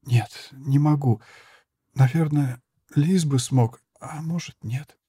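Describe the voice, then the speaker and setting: A man's voice: a little high, takes it slowly, mellow, breathy edge, dry recording, clean studio sound, pitched above the performer's own voice, full character voice. A man reading the part of a dying young woman crossbow fighter, speaking weakly in a faint, breathless half-whisper. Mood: weak pained. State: gravely wounded, weak.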